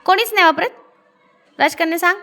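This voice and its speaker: A woman teacher reads a story to her pupils in a classroom and keeps stopping to explain it and put questions to the class. Her voice is high-pitched, bright and forceful. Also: fairly quick. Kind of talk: classroom lesson, reading a story aloud.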